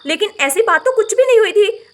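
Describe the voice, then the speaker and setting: An outspoken young bride in a doll story, voiced by a woman, blunt and argumentative. Her voice is very high and bright. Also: animated, fairly quick. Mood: indignant. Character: outspoken young bride, sharp-tongued and proud.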